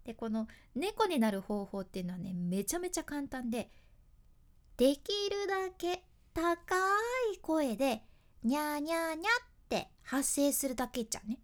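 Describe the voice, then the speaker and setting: Hakata lady doing a chatty voice lesson, high bright voice, bouncy. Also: big pitch swings, normal speed. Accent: Hakata dialect. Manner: chatty and friendly, explaining step by step with dialect phrases. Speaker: radio host and voice coach. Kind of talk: talk-radio voice lesson.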